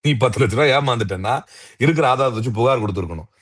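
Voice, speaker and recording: A man's voice: medium pitch, lively intonation, very fast, no room sound, studio quality. A man arguing politics in an interview, combative and mocking, firing off rhetorical questions. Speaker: interview guest, political commentator. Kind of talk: heated political argument.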